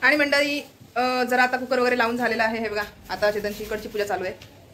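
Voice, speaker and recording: A woman's voice: fairly high pitch, level tone, brisk, pushed and bright, slight background noise. A woman chatting casually to viewers while cooking in her home kitchen, filming on a phone held in her hand and keeps pointing things out. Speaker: family vlogger.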